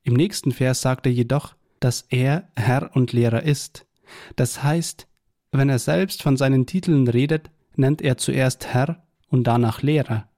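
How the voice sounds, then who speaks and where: A man with a warm, mellow voice reads a devotional Bible tract aloud. His delivery is measured and earnest, weaving in scripture quotations at a middle pitch. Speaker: preacher reading a tract.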